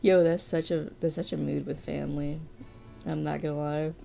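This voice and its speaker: This young adult streamer's voice sits low with little pitch movement, gravelly yet warm, at normal speed. Allergies leave her slightly sniffly as she rambles through casual game commentary, laughing often and restarting words, with faint music playing.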